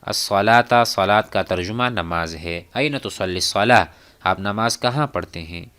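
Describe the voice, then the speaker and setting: A male language teacher with a lowish, smooth and resonant voice. He works through a recorded lesson at a deliberate pace and says each phrase twice for the class to repeat. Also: fairly bright tone.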